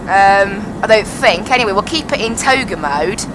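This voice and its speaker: Woman sim pilot chatting into a cockpit headset, explains as she goes, steady noise behind. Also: medium pitch, moderate pace. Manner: chatty, explains as she flies, repeats "I have to be honest". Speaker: flight sim pilot and streamer. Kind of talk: casual live-stream commentary over a cockpit headset.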